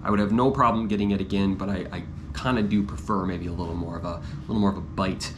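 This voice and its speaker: A man's voice: sits low, steady tone, quick pace, noisy background. A young man talking casually to the camera as a running vlogger, chatty and self-deprecating. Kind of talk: casual vlog chat.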